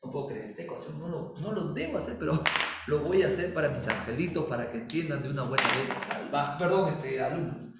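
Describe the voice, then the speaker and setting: Teasing male teacher, high lively voice. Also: fast talker, very noisy. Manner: playful, teasing, asks many check questions. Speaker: chemistry teacher. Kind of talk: recorded classroom lesson. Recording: very echoey room, distant mic.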